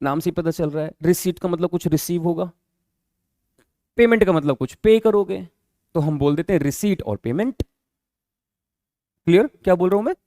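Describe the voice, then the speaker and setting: In a classroom-style accounting lecture, a man with a fairly high, dark-toned voice explains things patiently and repeats the key terms. He often pauses to check that the students have understood. The sound is close and dry, with no room echo.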